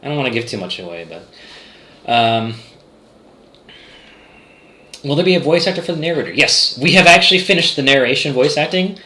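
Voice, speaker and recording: A man chats loosely with his viewers while streaming from home, full of fillers and restarts. His voice is bright and forward. The room gives it a noticeable echo. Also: medium pitch, animated, brisk, pauses often. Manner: rambling, many fillers and restarts. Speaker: game developer streamer. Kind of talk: casual livestream chat reading chat.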